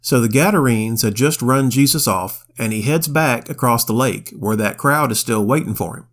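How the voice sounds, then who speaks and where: A man's voice: medium pitch, normal speed, fairly bright tone. Man retelling scripture in folksy slang. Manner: retells scripture in folksy slang, quotes in King James wording. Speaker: podcast co-host reading the Bible. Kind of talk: casual Bible study chat.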